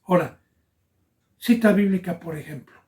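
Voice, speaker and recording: A male pastor from Mexico delivers a Bible sermon in a mellow, rather dark voice. He swells with fervor when he quotes scripture, then drops almost to a whisper. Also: high-pitched, normal speed.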